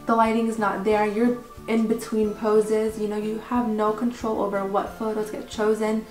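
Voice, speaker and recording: A woman being interviewed as a pageant winner, chatting casually and haltingly with lots of filler words. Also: mid-range voice, little pitch movement, darkish tone. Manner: informal, halting, frequent "like" and "you know". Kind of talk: casual question-and-answer chat. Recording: echoey room with background music.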